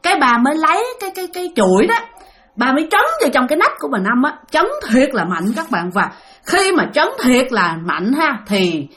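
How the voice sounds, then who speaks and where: A woman's voice: sits high, very animated, fairly quick, fairly bright tone. A woman with a Southern Vietnamese accent narrating a ghost story in a chatty way, talking directly to her listeners.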